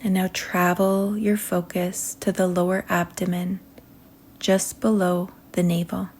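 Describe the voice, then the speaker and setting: This is a guided meditation led by a woman with a fairly low voice and a flat delivery. She keeps things soothing, offering short phrases and long pauses as her voice drifts softly toward a whisper.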